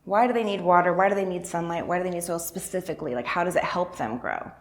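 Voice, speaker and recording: Speaking fast in a voice on the low side, a woman who coordinates faith and justice at a church gives an informal, encouraging talk for all ages. She keeps it interactive by asking her listeners questions.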